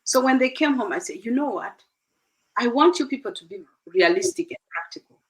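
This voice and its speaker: A woman's voice: a little high, animated, a little fast, low-quality recording. A middle-aged woman from Uganda, a guest in an interview, earnestly giving advice and acting out conversations with her children.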